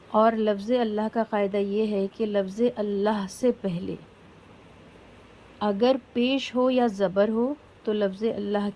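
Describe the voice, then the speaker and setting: Leading a recitation lesson, a woman explains the material to her class patiently, one step at a time, in a warm, mellow voice of ordinary middle pitch. Every so often she pauses to question her students.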